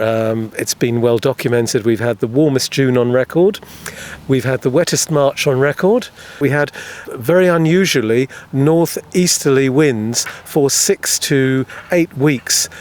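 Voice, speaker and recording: Measured man explaining his farm. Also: mid-range voice. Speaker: organic apple grower. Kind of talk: radio news interview. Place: outdoors at a farm.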